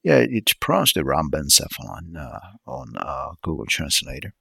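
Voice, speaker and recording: Brief: very low, gravelly male voice with a husky edge, halting solo lecturer full of fillers. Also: wildly swooping pitch, fairly bright tone, no room sound. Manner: halting, many fillers, checks pronunciations aloud. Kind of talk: casual unscripted lecture.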